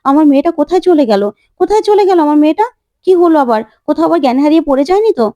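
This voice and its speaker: A woman's voice: high voice, animated, very fast, warm tone, dry recording, voice pushed up. A woman voicing a frantic, worried middle-aged mother who talks in a pleading way.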